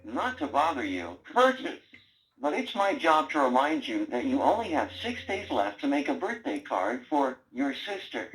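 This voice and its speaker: Sarcastic male robot-brain toy: wisecracking, bossy, with big pitch swings. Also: very animated, normal speed, fairly bright tone, poor audio. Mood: teasing. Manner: sarcastic, teasing, bossy quiz-style prompts. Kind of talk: toy voice lines.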